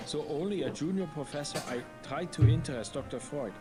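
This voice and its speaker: An actor playing an eager, bookish junior professor with a German or Austrian accent, earnest and hesitant, in a video game. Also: male voice, on the high side, brisk, music in the background, lightly acted. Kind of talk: video game character acting.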